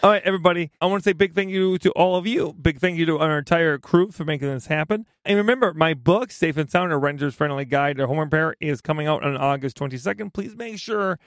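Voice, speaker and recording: A woman's voice: sits low, fast, hardly any pauses, no echo, studio quality. A woman hosting a home-repair advice podcast, chatting casually in a playful, joking, self-teasing way. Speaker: podcast host.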